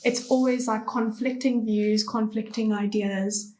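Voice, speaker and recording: Panelist: woman, early 20s, a bit high-pitched, reflective and plain-spoken. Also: fairly even intonation, a little slow, a little mellow. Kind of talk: casual panel discussion.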